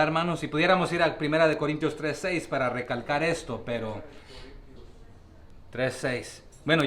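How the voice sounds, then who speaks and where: A man's voice: on the high side, fairly bright tone. A man teaching a Bible study to his congregation, often asking questions and using fillers.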